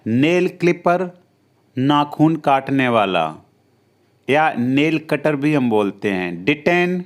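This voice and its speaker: A man's voice: on the high side, lively intonation, slow pace. A man teaching English vocabulary, saying each English word and then its Hindi meaning, rising on the word and falling on the meaning. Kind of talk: vocabulary drill lesson.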